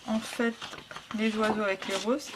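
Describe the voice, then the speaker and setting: A woman hosting a casual scrapbooking haul, talking softly and hesitantly with frequent fillers. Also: medium pitch, steady tone, normal speed, background noise. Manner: soft, hesitant, lots of fillers. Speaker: scrapbooking vlogger. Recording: packaging crinkles and clicks behind.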